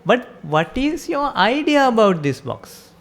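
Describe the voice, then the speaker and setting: A woman with a slightly high voice and big pitch swings gives an unhurried Buddhist sermon. A teacher with a Sri Lankan accent, she explains things step by step and asks rhetorical questions of her audience.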